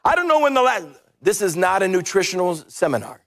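Wearing a headset mic on a church stage, a middle-aged pastor gives a comic, energetic sermon and now and then bursts into shouting to stress a point. He speaks briskly in a high voice, with background noise present.

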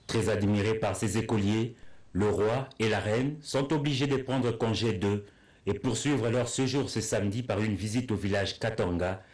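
A man narrates a television news story in a steady, formal reading. His voice sits a little low and stays even throughout. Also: moderate pace. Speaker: news reporter.

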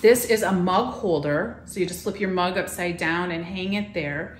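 A woman in her thirties, with a lowish voice at moderate pace, shows off merchandise in an indoor shop decked in farmhouse decor. The sound is roomy with faint music behind her, and she's casual and enthusiastic, using lots of fillers.

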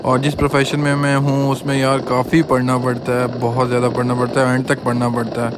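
A man's voice: mid-range voice, fast. A young man chatting casually to viewers as he rides his motorbike at night. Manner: chatty, relaxed, addresses viewers as friends. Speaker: motovlogger. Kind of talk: casual vlog narration while riding. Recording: road and traffic noise.

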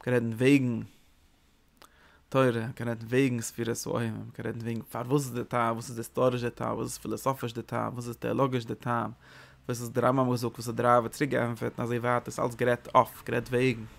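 A man teaching a religious lecture, his mid-pitched voice rough with a gravelly rasp. He talks in animated, emphatic bursts and drops in English words as he explains. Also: brisk. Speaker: Torah teacher.

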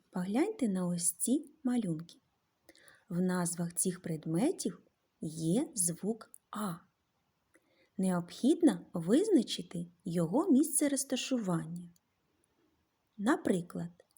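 A woman teacher giving a literacy lesson to young children, sounding out words slowly syllable by syllable. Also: lowish voice, a little mellow.

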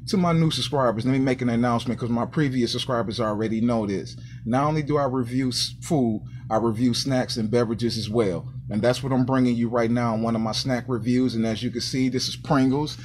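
Man, American accent, medium-pitched voice, casual snack reviewer, upbeat, chatty catchphrases. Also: darkish tone, slight background noise. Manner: upbeat, addresses viewers as guys, repeats catchphrases. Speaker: food review host. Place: small indoor counter by a sink.

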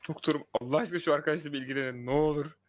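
A man in casual role-play chat, excitable and pleading, laughing often. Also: on the high side, rapid-fire.

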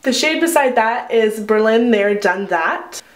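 A woman's voice: on the high side, animated, measured pace. A young woman chatting casually as a beauty vlogger, with lots of ums and likes, recorded in her home bathroom with an echoey sound. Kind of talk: casual chat.

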